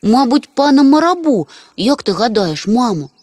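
Little troll boy, high and eager, read by a woman. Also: sing-song, moderate pace, darkish tone, no room sound. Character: small eager young troll child, a boy.

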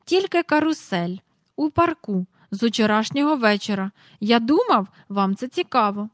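Lady doing a lazy slow servant guy, drawly, storybook. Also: on the high side, lively intonation, no room sound, clean studio sound, close to an everyday voice. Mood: languid. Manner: unhurried, languid.

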